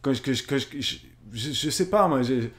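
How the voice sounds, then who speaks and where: A man's voice: medium pitch, animated, normal speed, fairly bright tone. A man from Réunion co-hosting a casual live stream, reading viewer comments and answering them earnestly, thinking aloud in long winding sentences. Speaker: streamer and co-host.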